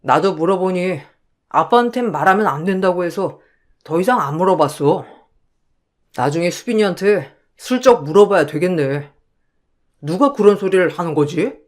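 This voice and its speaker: An actor playing an ordinary husband who mutters in irritation in an audio drama. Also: male voice, high-pitched, lively intonation, normal speed. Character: worried husband, ordinary middle-aged man.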